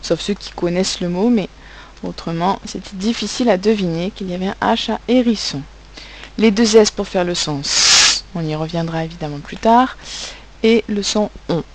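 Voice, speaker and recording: A woman's voice: mid-range voice, normal speed, slight background noise. A woman teaching young children spelling and handwriting, speaking patiently and spelling out letters and sounds, with a French accent.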